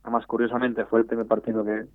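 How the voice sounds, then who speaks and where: A man's voice: on the low side, completely flat delivery, quick pace, no echo. Guy on a landline phone call into a radio show, tinny dry line, keeps stumbling and restarting words. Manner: hesitant, often repeats and restarts words. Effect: heard over a landline phone. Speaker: supporters' club federation president, phone guest.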